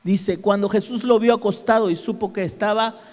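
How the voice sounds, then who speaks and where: A high-pitched male preacher delivers a sermon. He keeps it conversational and asks the congregation questions as he goes. His voice carries a long, echoing reverb from the hall. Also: fairly even intonation, normal speed, a little mellow.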